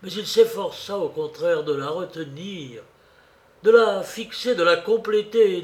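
Slow, measured male audiobook narrator. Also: on the high side. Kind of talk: literary novel reading.

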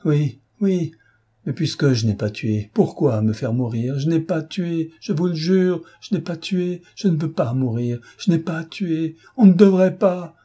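A man reading an audiobook voices a young condemned prisoner who pleads in a breaking, high voice. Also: unhurried, warm tone, husky. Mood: frantic pleading.

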